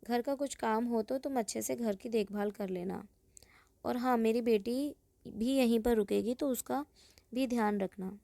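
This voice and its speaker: A woman's voice: a little high, unhurried, creaky, mellow, no room sound. Woman voicing kindly middle-aged mistress, storybook, instructing, close dry sound.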